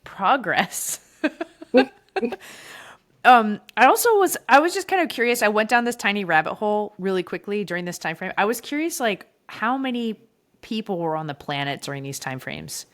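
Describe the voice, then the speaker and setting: A woman's voice: mid-range voice, lively intonation, normal speed, a bit bright. A woman co-hosting a history podcast, explaining in a loose, chatty way with fillers and frequent laughs. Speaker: podcast co-host. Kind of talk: casual history podcast chat. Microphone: headphones and remote recording setup.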